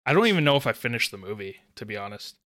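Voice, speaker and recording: A man's voice: fairly low pitch, big pitch swings, rapid-fire, pushed and bright, dry recording, clean studio sound. A man hosting a podcast, chatting casually and steering the panel through segments. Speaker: podcast host. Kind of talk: casual chat and reading segment intros.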